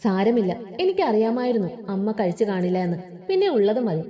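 A woman's voice: medium pitch, sing-song, fairly quick, mellow, close to an everyday voice. A woman reading a story aloud, voicing a devoted, dutiful teenage schoolgirl who speaks in an earnest, affectionate way.

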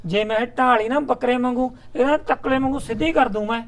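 Fast-talking, coaxing Punjabi man. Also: very high-pitched. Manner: coaxing, placating. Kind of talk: comic village drama acting.

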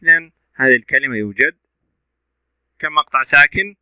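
A man's voice: medium pitch, fairly quick, bright, forceful tone, smooth, no room sound, rough recording. A male teacher giving a reading lesson to young pupils, sounding out syllables letter by letter and praising the children's answers.

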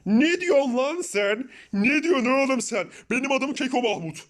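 A man's voice: extremely high pitch, animated, normal speed, a bit bright. A man voicing a pushy, boastful young street thug in a Minecraft parody, mocking and bossing others around. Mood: bossy. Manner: mocking and bossy.

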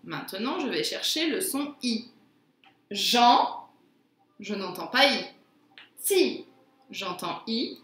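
Woman, phonics teacher for young kids, drawn-out careful words, animated pitch, echoey room. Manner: slow, careful, drawn-out word pronunciation. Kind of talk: phonics lesson for young children.

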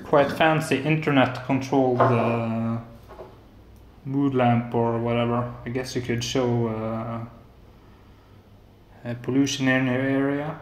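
With long pauses and a slow pace, this mid-range, steady-toned man in his thirties from Norway presents a hobby electronics build at home. The soft-spoken hobbyist maker has a Norwegian accent and hesitates a lot with filler sounds during the casual tech demo. Slight background noise and echo fill the recording from his indoor apartment living room and kitchen.

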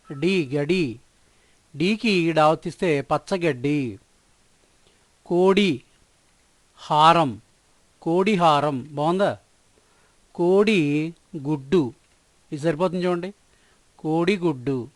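A man with a somewhat high voice leads a worksheet lesson for young children. He spells every word out syllable by syllable at a very slow, patient pace. The recording is dry and close. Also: dry recording. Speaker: teacher.

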